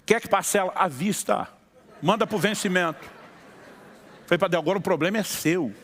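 A middle-aged man preaching as a pastor, telling a story with lively acted-out dialogue and frequent laughter. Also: sits high, normal speed. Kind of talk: sermon storytelling.

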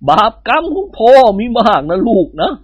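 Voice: mid-range voice, very animated, normal speed, slightly rough, no echo, muffled recording, voice pushed up. A narrator voicing a mischievous young man who pretends to be a hungry ghost, wailing and squeezing his voice thin in a storybook reading. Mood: mournful.

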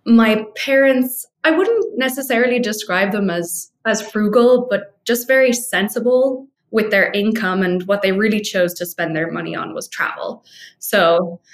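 A young Irish woman from Dublin, a guest on a video call, speaking in an articulate, measured way about her life. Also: medium pitch. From Ireland. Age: young adult. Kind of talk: reflective interview storytelling.

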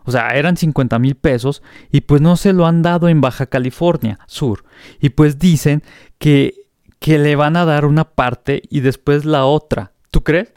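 A man's voice: on the high side, a little slow, darkish tone, smooth, no room sound, studio quality. Chatty Mexican man hosting the news. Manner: chatty, hesitant, many fillers. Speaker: news show host. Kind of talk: casual comic news talk.

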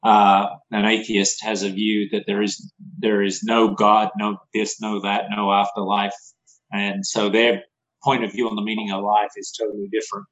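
A man's voice: lowish voice, monotone, moderate pace, fairly bright tone, lo-fi sound, slight background noise. A middle-aged man, the host's father, joining a casual podcast chat and speaking in a plain, teasing way. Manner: joking, teasing, plain-spoken.

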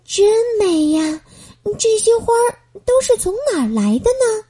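A woman voicing Mabel, a possessive little girl gardener in a children's storybook, in a high childlike voice. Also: sing-song, a little slow, mellow, full character voice. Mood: gentle.

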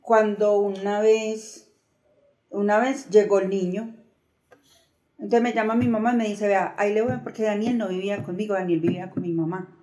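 A woman's voice: medium pitch, steady tone, moderate pace, dark tone. A woman, a mother giving emotional testimony and retelling events by acting out the dialogue. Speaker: mother interviewed about her son. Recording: roomy echo.

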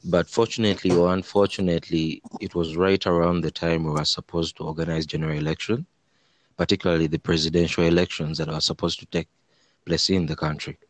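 A man with a Ugandan East African accent answering interview questions in a measured, hesitant way, often repeating words. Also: low voice, flat delivery. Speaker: interview guest, human rights lawyer.

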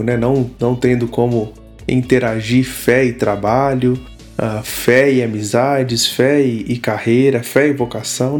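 Guy teaching a bible series, mid voice, lots of pauses and restarts, soft guitar in the back. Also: mid-range voice. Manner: explanatory, frequent fillers and restarts.

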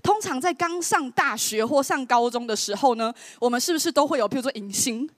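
A woman, telling a personal story in an animated, exclamatory way. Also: sits high, brisk. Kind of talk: lively storytelling. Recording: voice over loud background music. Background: background music.

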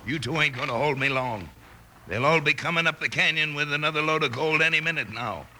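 An actor playing a surly old outlaw posing as a gold prospector, with a folksy, defiant American drawl in old western drama style. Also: male voice, fairly high pitch, brisk, bright, forceful tone, slight background noise. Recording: echoey, reverberant old western soundtrack.

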